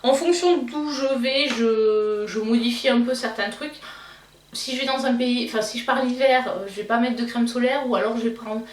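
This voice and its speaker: A young Belgian woman, a beauty vlogger, chats casually in a Belgian French accent with a fairly high-pitched voice. She sounds hesitant, pausing often with fillers and restarting her sentences. The recording is roomy, with a slightly distant mic and faint noise.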